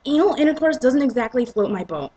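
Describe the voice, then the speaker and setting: Naive young romance heroine, as a woman reader plays her, breathy, earnest and theatrically nervous. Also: high-pitched, big pitch swings, fast, warm tone, pitched above the performer's own voice, heavily acted, rough recording. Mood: nervous, curious. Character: inexperienced, nervous, curious young woman in love. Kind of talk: dramatic reading of a romance novel.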